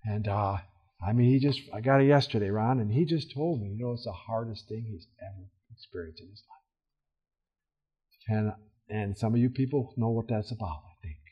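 A man teaching a Bible study in a casual, earnest way, with fillers and restarts, swinging from loud emphasis to soft, quiet asides. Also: on the low side, moderate pace, slightly rough, lo-fi sound. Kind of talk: conversational Bible study talk.

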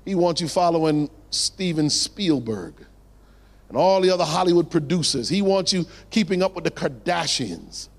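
Man, preacher, sermon delivery, dramatic low drops, echoing hall. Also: animated. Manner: dramatic pauses, drops low on key words. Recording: long hall reverb.

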